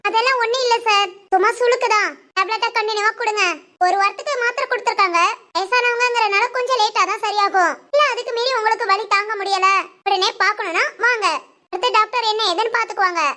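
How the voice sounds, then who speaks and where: A patient young cartoon nurse, voiced by a woman, explaining things politely to her patients. The voice is very high and bright, and she stays calm and reassuring. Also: fast. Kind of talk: Tamil family cartoon voice acting.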